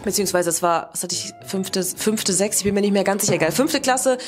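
Indoors with background music, a young adult woman who presents on YouTube chats to the camera in a brisk, medium-pitched voice. Her storytelling is casual and meandering, full of self-corrections.

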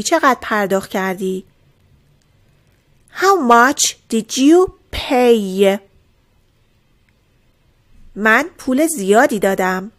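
A woman teaching English irregular verbs, saying each word and example sentence slowly and clearly, then explaining it calmly. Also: on the high side. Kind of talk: slow drilled vocabulary lesson.

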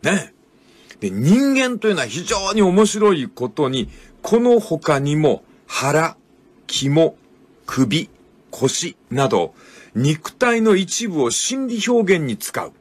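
An older man hosting a radio talk show, commenting on a book in a folksy storytelling way with drawn-out emphatic phrasing. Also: a little high, big pitch swings, breathy edge. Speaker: radio host.

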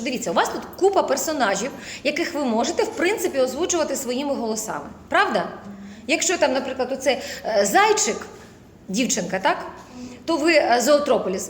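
Woman voice-acting teacher, high, echoey lecture room with faint noise. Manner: lively, demonstrative, often shifts voice for examples.

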